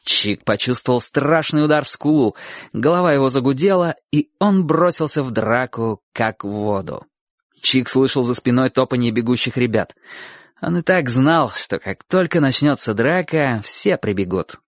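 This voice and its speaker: Lively, expressive male storyteller. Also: mid-range voice, normal speed, no echo, studio quality. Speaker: narrator. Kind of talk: audiobook story reading.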